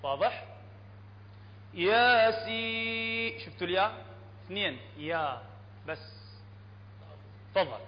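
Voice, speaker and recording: A man with an Iraqi Arabic accent teaching Quran recitation to a class, explaining plainly, checking often with his students and chanting verses slowly. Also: high-pitched, animated. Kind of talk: classroom tajweed lesson. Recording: dull lo-fi hall recording, faint hum.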